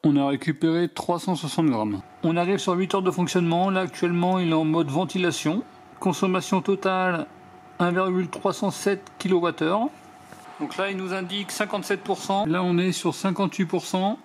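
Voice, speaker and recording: A French man calmly walking through a product test off camera, reading out measurements one by one in a matter-of-fact way. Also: high voice, normal speed, a little hiss or hum. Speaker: DIY product reviewer. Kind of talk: hands-on product demonstration voice-over.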